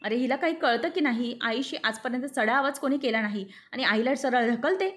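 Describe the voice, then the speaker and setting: A woman reads out a hot-tempered young man from a serial recap, scolding hard. Her voice stays high, close to a plain reading. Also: fairly quick, a bit bright, natural voice. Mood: angry.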